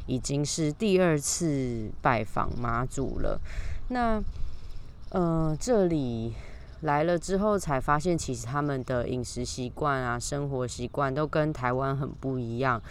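Faint outdoor noise sits behind a podcast host speaking through a face mask, which slightly muffles the voice. The accent is Taiwanese Mandarin and the pitch is middling. The delivery is casual, unscripted solo talk to listeners. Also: lively intonation, unhurried. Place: outdoors in a park. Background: faint natural ambient sound.

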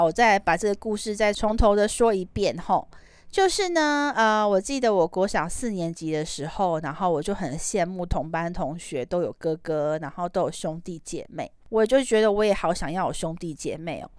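A woman's voice: lowish voice, smooth, no echo, clean studio sound. A woman with a Taiwanese Mandarin accent hosting a podcast, telling a personal story in a chatty, rambling way. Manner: chatty, rambling, trailing particles. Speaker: podcast host. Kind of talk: casual storytelling monologue.

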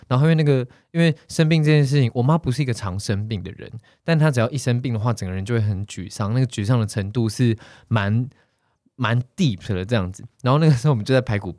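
A man's voice: medium pitch, lively intonation, fast talker, darkish tone, no room sound, studio quality. A young man, co-hosting a casual chat and telling stories with frequent laughs. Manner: chatty storyteller, laughs often. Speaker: podcast co-host.

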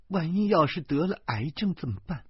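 A man's voice: fairly high pitch, animated, normal speed, husky, dry recording, dull audio, voice pushed up. A man voicing a mentally unstable grown man, swinging between tears and childish delight in an audiobook. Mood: wistful. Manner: sudden swings between sobbing and laughter.

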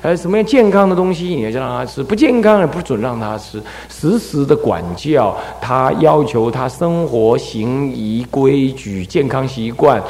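A man, a Buddhist abbot, giving a dharma talk as animated storytelling, often repeating words while he finds them. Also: medium pitch, moderate pace, few pauses, big-room sound.

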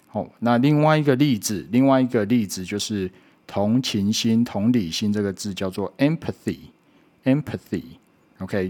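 A man teaching English pronunciation, patiently repeating words slowly to demonstrate. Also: on the low side, darkish tone. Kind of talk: online pronunciation lesson.

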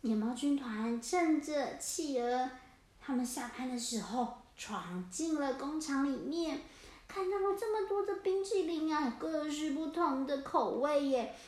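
A woman reading a children's picture book aloud, lively and animated, with playful sound effects. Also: high voice, a little slow, echoey room. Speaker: storyteller.

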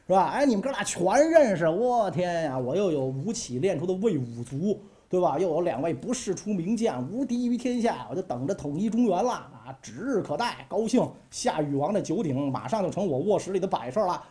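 Blustering, hot-tempered king, as a male storyteller puts him on, excitable, with big pitch leaps. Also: fairly quick, few pauses. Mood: boastful glee.

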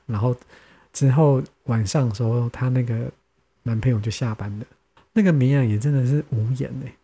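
A man's voice: mid-range voice, mellow, husky. Chatty Taiwanese-accented male podcast host. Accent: Taiwanese Mandarin. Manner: chatty, acts out friends' lines, laughs often. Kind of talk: casual storytelling chat.

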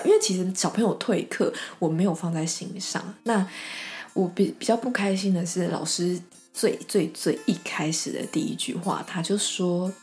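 A young woman tells a story on her podcast, chatting casually and drifting into soft whispered asides. Her voice sits at a medium pitch for a woman. Faint music plays underneath. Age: young adult. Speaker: podcast host and children's class teacher.

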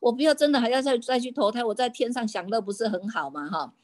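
Frightened young heavenly prince begging for escape, put on by a woman preacher, voice pitched up. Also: lively intonation, brisk, lightly acted. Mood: frantic. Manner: panicked, pleading, repeats questions. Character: frightened young male heavenly being pleading. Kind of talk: sermon storytelling.

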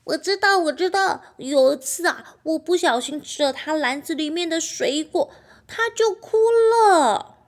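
A woman voicing a small, eager little bunny in a children's storybook reading, talking in a slow sing-song. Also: high voice, expressive, voice pushed up.

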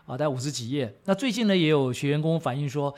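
Quick-talking man, calm explainer. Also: a little high. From Taiwan. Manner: calm, explanatory, asks "right?" often. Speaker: podcast co-host. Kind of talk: casual advice chat.

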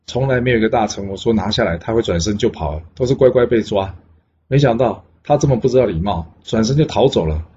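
A man voicing a domineering ancient tyrant king with loud, bossy outbursts. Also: on the low side, animated, fast talker, slightly rough, muffled recording. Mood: furious.

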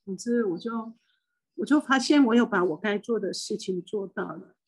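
A woman's voice: mid-range voice, normal speed, poor audio. An older woman from Taiwan, a spiritual medium and hypnotist, speaks with a Taiwanese Mandarin accent. She gives a rambling, emotional personal monologue full of restarts.

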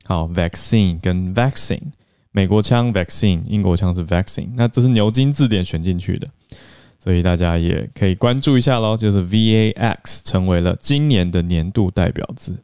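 A podcast host talks through the news in a chatty, explaining way, with plenty of fillers. His voice sits a little low and comes across smooth and clear. The sound is dry and close to the mic, with no room echo. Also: fairly quick, warm tone. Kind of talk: casual news and English-learning podcast talk.

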